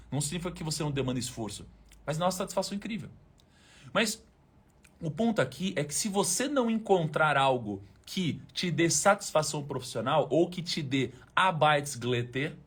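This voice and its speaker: A Brazilian-accented man giving a motivational talk to his live-stream audience. His voice is slightly high and husky, and his pitch swings widely as he leans into points. He speaks casually, with slang and swearing, and addresses viewers head-on. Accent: Brazilian Portuguese.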